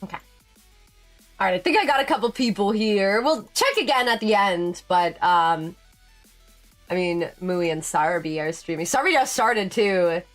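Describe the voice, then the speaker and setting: A woman streaming live in casual chat. She answers chat as she works and jumps to sudden high exclamations. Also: lively intonation, normal speed, faint music behind. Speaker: VTuber streamer.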